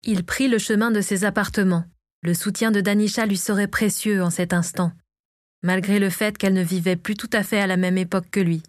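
A woman narrating a fantasy audiobook in a calm, measured storytelling manner. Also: mid-range voice, no room sound, studio quality. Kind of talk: scripted narration of a fantasy novel.

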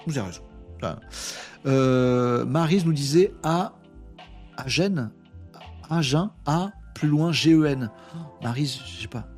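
Tired, chatty livestream host. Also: male voice, mid-range voice, measured pace, long pauses, darkish tone, soft background music. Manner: chatty, reads viewer comments aloud, playful asides. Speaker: livestream host reading chat. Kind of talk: casual live chat.

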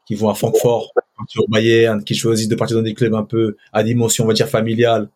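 A man's voice: fairly low pitch, monotone, fast talker, darkish tone. A man co-hosting a casual podcast, putting long, winding questions to a guest with fillers. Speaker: co-host asking questions.

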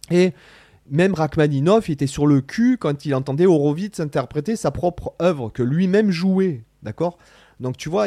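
A man's voice: a little high, no room sound. Emphatic rambling guitar vlogger, man. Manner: animated, rambling, emphatic, slangy, many restarts. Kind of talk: casual spoken vlog to camera.

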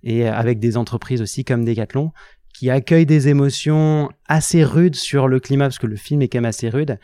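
Earnest halting man in his thirties. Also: mid-range voice, mellow. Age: 30s. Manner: earnest, halting, many restarts. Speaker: guest. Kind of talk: casual interview talk.

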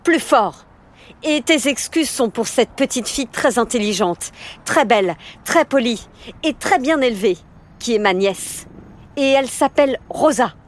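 A woman's voice: a little high, expressive, unhurried, pitched above the performer's own voice. A woman voicing a fierce, protective aunt who is loving but stern, speaking firmly and with emphasis. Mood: fierce scolding. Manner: firm, emphatic.

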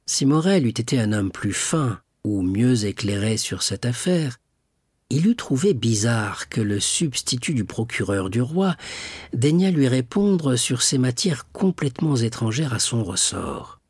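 Male audiobook narrator, husky, lively pitch, dry close recording. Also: dry recording. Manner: measured, expressive reading. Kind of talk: scripted narration of a classic novel.

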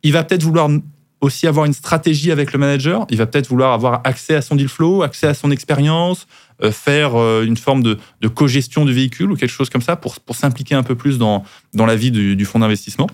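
A man's voice: mid-range voice, fast. A man who is a lawyer, guest on a podcast, explaining things at length with frequent restarts.

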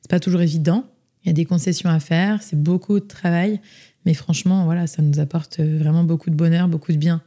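As a guest on a relaxed podcast, this young woman tells her story in a chatty way, with lots of fillers and false starts. Her lowish voice is mellow and brisk, its intonation fairly even.

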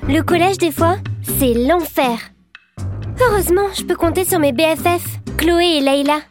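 An actress voicing a lively twelve-year-old schoolgirl who narrates a podcast in an audio drama, talking straight to the listener. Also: extremely high pitch, measured pace, music in the background. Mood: chatty. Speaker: podcast host in a story.

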